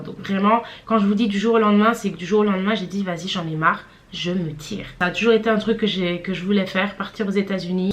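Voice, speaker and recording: A woman in her twenties telling a story to her viewers in a chatty, slangy vlog. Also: medium pitch. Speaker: vlogger.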